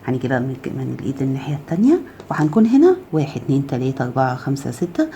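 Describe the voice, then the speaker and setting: An Egyptian crochet tutor with an Egyptian Arabic accent leads a step-by-step crafting tutorial in a low, warm, lively and rapid-fire voice. She counts stitches aloud, keeps asking "okay?" and drops to a soft murmur while handling the work, with a little hiss or hum in the background.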